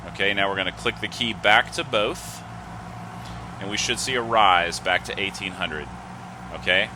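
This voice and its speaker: A man with a fairly low voice hosts a flight simulator video series, working through checklist items in methodical, step-by-step instructional commentary. Background noise can be heard.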